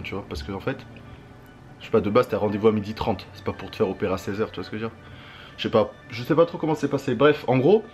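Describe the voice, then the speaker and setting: A young man chatting in a casual vlog shortly after having his wisdom teeth out, speaking normally and telling things in slangy, animated bursts with little sound-effect words. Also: fairly low pitch. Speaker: vlogger.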